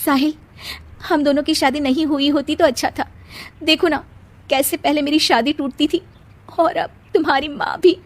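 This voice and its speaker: A woman voicing a timid, sad young bride in a cartoon story, plaintive and soft. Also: high-pitched, fairly even intonation, normal speed, voice pushed up, close to an everyday voice. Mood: doubtful.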